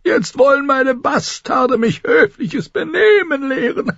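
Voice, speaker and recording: A man voicing a crotchety, spiteful lord of ninety with a high, cracked cackle, in an audiobook reading. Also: animated, takes it slowly, vocal fry, fairly bright tone, no room sound, lo-fi sound, heavily acted. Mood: scornful. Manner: scornful, barking.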